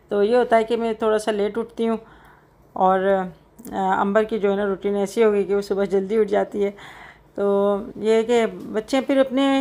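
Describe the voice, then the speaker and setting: A woman's voice: medium pitch, darkish tone. A middle-aged woman chatting casually in her home cooking vlog, rambling along with lots of fillers. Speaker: cooking vlogger.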